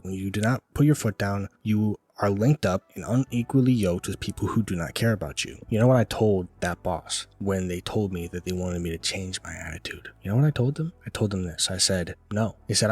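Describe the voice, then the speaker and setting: A young man rants fast about an old job in a casual, streetwise way. His voice sits low and a little husky. He keeps slipping in "like" and "bro". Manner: talks fast, peppers speech with "like" and "bro". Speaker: vlogger. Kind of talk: casual storytelling rant.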